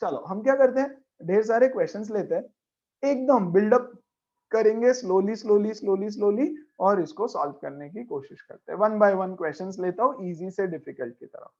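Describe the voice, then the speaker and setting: A man's voice: sits high, moderate pace, darkish tone, muffled recording. A man teaching a maths class as a lecture, emphatic, repeating key points and checking in with his students. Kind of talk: classroom lecture mixing Hindi and English.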